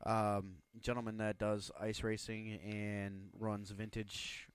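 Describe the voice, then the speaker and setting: Easygoing co-host, low-voiced man, dry mic. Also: level tone, slow pace, smooth, no room sound. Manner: rambling, easygoing. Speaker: podcast co-host. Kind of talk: casual chat.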